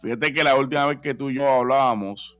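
A man's voice: medium pitch, brisk, a bit bright, dry recording. A man, co-hosting a baseball radio show. He talks in a loose, conversational way and often repeats himself to drive a point home. The sound is dry and close, with faint music behind him. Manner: conversational, repetitive, prompting. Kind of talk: casual sports talk.

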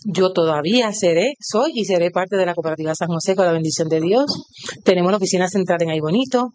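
A woman's voice: on the low side, fast talker, darkish tone, slight background noise. A woman with a Puerto Rican accent, a cooperative leader being interviewed, proudly listing things in rhythmic runs. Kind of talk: on-site interview.

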